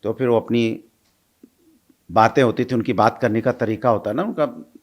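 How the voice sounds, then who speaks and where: A middle-aged man tells stories as an interview guest, in a voice of middling pitch. He talks casually, laughs along the way and acts out the lines of the people in his stories. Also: normal speed. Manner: animated, laughs while recounting, acts out quoted lines. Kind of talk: casual storytelling.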